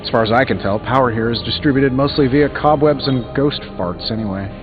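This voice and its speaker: An actor playing a cocky, wisecracking tech genius superhero in a video game, with an American accent and sarcastic manner. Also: male voice, mid-range voice, brisk, highs cut off, music in the background, close to an everyday voice. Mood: wry. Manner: glib, sarcastic quipping. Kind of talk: scripted video game voice acting.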